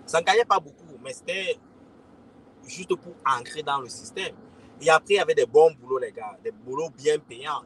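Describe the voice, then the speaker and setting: Speaking with a medium-pitched, bright voice and a forceful tone, a man in his forties from Cameroon talks casually to his followers in a Cameroonian French accent. He's a crypto consultant and community host, and on this rough livestream recording with slight background noise he repeats himself, says "les gars", and checks in frequently with "ok?".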